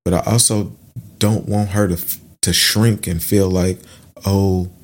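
A middle-aged man hosting a podcast, reflecting earnestly in a thoughtful, halting way, with fillers and restarts. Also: on the low side, fairly even intonation. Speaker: podcast host. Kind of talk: reflective personal monologue.

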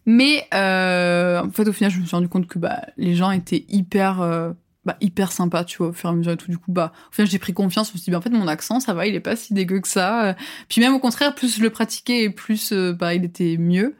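With a lowish voice and a fairly quick delivery, a podcast guest in her twenties chats informally. Fillers pepper her speech, and she laughs often.

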